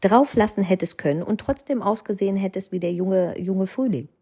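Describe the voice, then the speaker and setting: A woman's voice: mid-range voice, fairly quick, dark tone, slightly rough, close to an everyday voice. A woman voicing her exasperated middle-aged mother lecturing her daughter in a reproachful tone.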